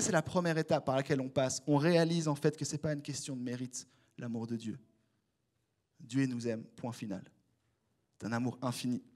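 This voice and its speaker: Young swiss french guy preaching, chatty and animated, voice sits a bit high. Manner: animated, conversational, addresses the congregation directly. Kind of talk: casual sermon.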